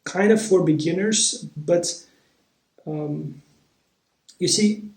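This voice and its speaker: This vlogger, a native Romanian speaker, reflects aloud on a personal experience, taking his time and pausing to find his words. His voice is a touch high yet soft and mellow, recorded in a space with a roomy echo.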